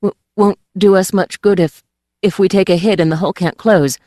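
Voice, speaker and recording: A woman's voice: medium pitch, fairly even intonation, moderate pace, dark tone, dry recording, clean studio sound, lightly acted. An audiobook reader voicing a shaken young woman explorer who stammers breathlessly. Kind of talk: audiobook character voice.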